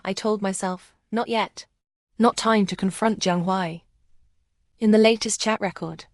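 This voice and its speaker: A woman reading a first-person story aloud in an even, subdued way. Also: medium pitch, no echo, clean studio sound. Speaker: narrator.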